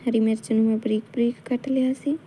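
A woman with a Punjabi accent, calmly explaining a cooking recipe step by step as a channel host. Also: a little high, a little fast, slight background noise, rough recording. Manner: calm step-by-step instruction. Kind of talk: cooking tutorial narration.

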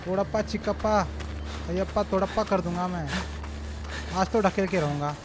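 High-voiced excitable man shouting game commentary. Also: normal speed, noisy background. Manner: shouty, taunting, playful banter with in-game enemies. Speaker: gamer commentating a horror game. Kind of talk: excited let's-play commentary.

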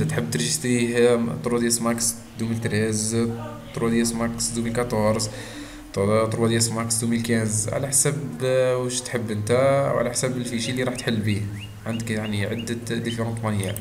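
A man with an Algerian Arabic accent giving a screen-recorded software tutorial, pausing often on drawn-out fillers and mixing in French terms. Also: medium pitch. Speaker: software instructor. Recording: roomy echo with faint background noise.

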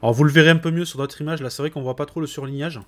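A man's voice: fairly high pitch, very fast. A man hosting a computer tutorial, casually talking viewers through a screen recording step by step, with frequent little fillers as he clicks. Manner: relaxed, chatty, with frequent "hop" and "voilà".

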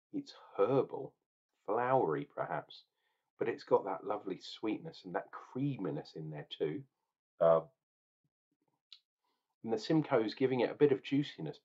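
A man's voice: lowish voice, slightly rough. Rambling, opinionated man on a webcam. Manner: opinionated, ranting, rambling and jokey. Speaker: beer reviewer. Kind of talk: casual beer review vlog. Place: small room at home, indoors. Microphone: webcam at desk. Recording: dull lo-fi webcam sound.

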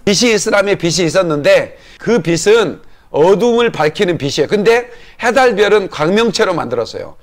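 A male pastor gives a sermon-style Bible lesson in an animated voice that is notably high for a man. He explains slowly, taking his points one at a time, and stops to ask the congregation if they follow and to call for amens.

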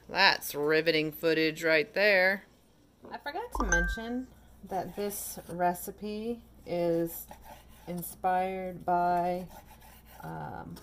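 A woman's voice: medium pitch, a bit bright. A woman narrating her home cooking in a casual, chatty way, with wry asides as she stirs a pot in her kitchen.

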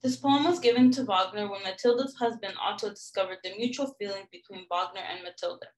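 A young adult music student presents a lecture recital on a song cycle, walking through the score and pointing out highlighted passages. She speaks fast at an ordinary middle pitch in an explanatory, academic way, and the recording is rough.

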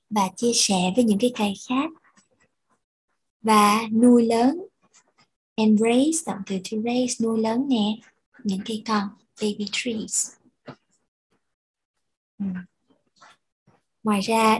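Woman teacher, slow and patient, breathy voice, repeats words to drill pronunciation. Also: medium pitch, darkish tone, low-quality recording. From Vietnam. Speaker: English teacher. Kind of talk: bilingual language lesson.

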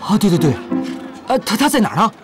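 An actor playing a bumbling self-styled kung fu master who blusters and stammers in a comic martial arts film. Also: male voice, sits high, big pitch swings, music in the background. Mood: flustered. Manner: flustered, stammering, fast bluster.

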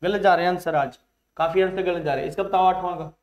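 High-voiced man teaching in an echoey room. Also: steady tone. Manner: coaxing, calls students "beta", stretches English phrases out slowly. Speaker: English teacher for exam prep. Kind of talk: live online exam-prep class, mixing Hindi and English.

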